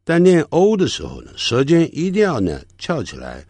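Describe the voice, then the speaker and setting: A man giving a pronunciation lesson, explaining sounds patiently and repeating practice words slowly for learners to copy. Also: on the high side, huge pitch swings, darkish tone, slightly rough, dry recording. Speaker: English teacher.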